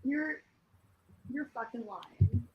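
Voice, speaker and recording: A young adult woman from a small French-Canadian town chats casually in a group during a live reading stream, her talk informal, exclamatory and sweary. Her voice is a little high and expressive, her pace slow, and the recording sounds muffled.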